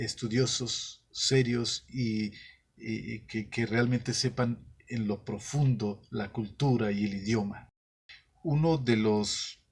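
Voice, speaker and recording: A man with a Mexican accent, the host of his own channel, explaining a topic in a casual way and often pausing to rephrase his thoughts. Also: mid-range voice.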